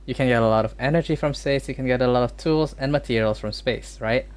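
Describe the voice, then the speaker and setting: A man streaming casually, arguing playful debate prompts with joking disbelief and quick exclamations. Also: mid-range voice, darkish tone, clean tone. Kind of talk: casual solo stream chat.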